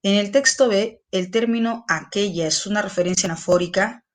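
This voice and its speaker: A woman's voice: medium pitch, moderate pace. A woman teacher speaks in an online class. She goes over the point patiently, repeats key phrases and checks that her students follow.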